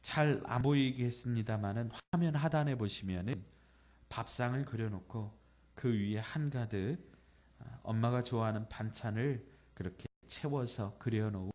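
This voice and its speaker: Korean pastor reading gently in a sermon. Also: male voice, on the low side. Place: church sanctuary.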